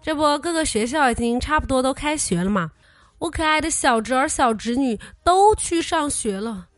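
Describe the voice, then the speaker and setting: A woman's voice: high voice, normal speed, soft background music. A young woman hosting a comedy podcast, telling jokes and anecdotes in a teasing, playful way and acting out the people in them. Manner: teasing, animated, acts out quoted voices. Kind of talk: playful comic storytelling.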